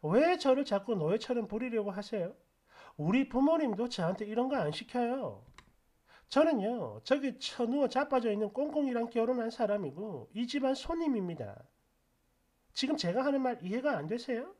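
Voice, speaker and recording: A young wife who has had enough speaks low and calm, each word cutting , voiced by a woman storyteller. Her voice stays controlled yet lively. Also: normal speed. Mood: cold fury.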